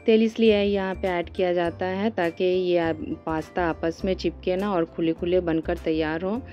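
A woman hosting a cooking channel, calmly talking through a recipe step by step in a voice-over, with small hesitations. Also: fairly low pitch, moderate pace, lo-fi sound, faint music behind. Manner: calm step-by-step instruction with hesitations.

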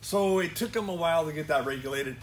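A man's voice: a little high, quick pace, a little hiss or hum. A man co-hosting a casual live chat, telling stories about himself with self-mocking jokes. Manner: joking, self-mocking storyteller. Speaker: co-host.

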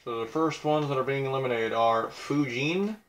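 A young man rattling off game eliminations in a blunt, crude, self-mocking way, his voice sitting at an ordinary middle pitch. The recording picks up a noticeably echoey room around him. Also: moderate pace, a bit bright. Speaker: game commentator. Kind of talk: casual game commentary.

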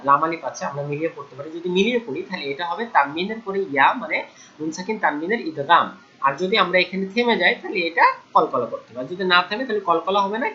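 Male Quran teacher from Bangladesh, slow drawn-out recitation mixed with brisk explanation, slightly muffled lo-fi sound. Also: high voice, bright, forceful tone. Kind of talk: tajweed recitation lesson.

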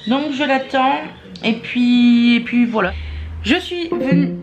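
Chatting to camera in an indoor home vlog, a young woman uses lots of fillers and laughs at herself. Her voice is on the high side and slow-paced. The sound is lo-fi with crowd noise, picked up by a camera mic her partner holds in hand.

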